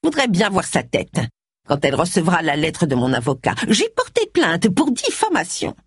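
A woman voicing a very old, sly and gossipy lady, in a high, quavering, drawn-out voice. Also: wildly swooping pitch, breathy edge, no echo, clean studio sound, exaggerated voice. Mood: aggrieved.

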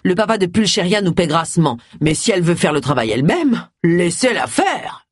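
A pompous, blustering agency boss, put on by an audiobook reader, drawing his words out slowly and emphatically. The voice is a little husky and swings widely in pitch. It is recorded dry and close. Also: sing-song, no room sound, heavily acted.

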